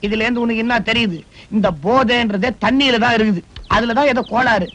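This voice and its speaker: An actor playing a scheming, talkative comic friend in an old film, rambling and wisecracking. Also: male voice, very high voice, steady tone, a little fast, fairly bright tone, poor audio. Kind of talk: 1980s film dialogue.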